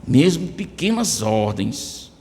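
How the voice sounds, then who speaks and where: Man, Brazilian Portuguese accent, emphatic sermon delivery in a slightly high voice, church hall echo. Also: sing-song, slow pace, mellow. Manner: addresses listeners by name, emphatic rises. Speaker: preacher.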